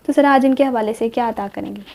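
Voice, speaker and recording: A woman's voice: a little high, fast, vocal fry, darkish tone. A woman hosting a literary talk show in a polite, appreciative manner.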